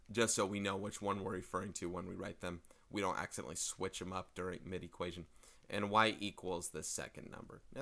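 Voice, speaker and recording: Chatty male math teacher, gravelly voice. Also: on the low side, bright, forceful tone. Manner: chatty, thinks aloud, often apologizes and clears his throat. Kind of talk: casual video math lesson. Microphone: desk microphone.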